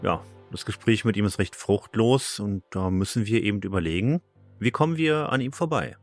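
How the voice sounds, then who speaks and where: A man hosting a podcast, chatting casually and relaxed about playing a video game. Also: on the low side, normal speed, no room sound, faint music behind. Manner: relaxed, laughs at himself. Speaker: podcast host.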